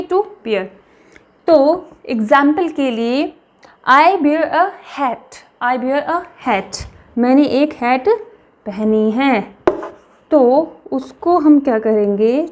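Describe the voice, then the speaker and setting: A young woman teaching a language lesson, repeating each word slowly for practice. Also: sits high. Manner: slow, repeats words for practice.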